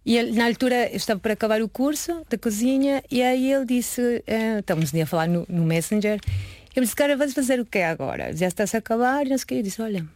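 A chatty woman in her late thirties from Mexico, a native Spanish speaker, appears as a pastry chef guest telling casual stories about her life in an interview. Her voice is on the high side and darkish, with lively intonation and a fast pace. She's informal and acts out the conversations she reports.

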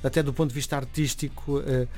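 A radio host with a European Portuguese accent conducts an interview and reads the weather, conversational and asking probing questions. His mid-range voice is a little mellow, fast and flat in delivery, with soft background music.

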